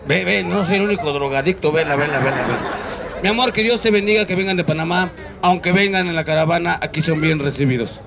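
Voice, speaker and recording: Working an audience in an urban public park, a male street clown comedian with a Mexican accent runs a live show full of teasing, cheeky banter. He speaks quickly in a higher voice with vocal fry, amid city noise and a surrounding crowd.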